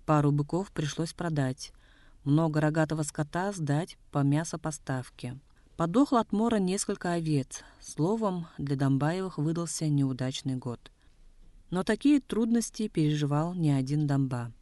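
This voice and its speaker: A reader narrating a novel at a calm, even pace, with an ordinary mid-range voice. The sound is dry and close, with no room around it. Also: mid-range voice, no room sound. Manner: steady, measured storytelling reading. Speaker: audiobook narrator. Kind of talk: scripted literary narration.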